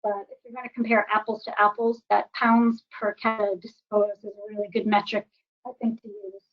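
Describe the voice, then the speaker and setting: A woman's voice: medium pitch, level tone, fairly quick. Woman talking through a warbly computer connection. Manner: hesitant, with frequent ums and restarts. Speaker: webinar presenter. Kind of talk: slide presentation with data. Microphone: computer microphone. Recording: dull, lo-fi computer audio.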